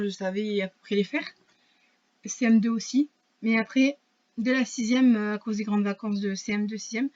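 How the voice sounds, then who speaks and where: A woman's voice: on the high side, a little mellow, highs cut off. A teenage girl chatting casually to camera, rambling and poking fun at herself with many fillers and restarts. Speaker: vlogger.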